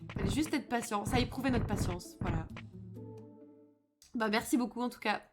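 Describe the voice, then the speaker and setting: A woman's voice: fairly high pitch, moderate pace. Chatty young French woman streamer. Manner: chatty, jokey, reads chat aloud. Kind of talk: casual live-stream chat. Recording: music playing behind the voice.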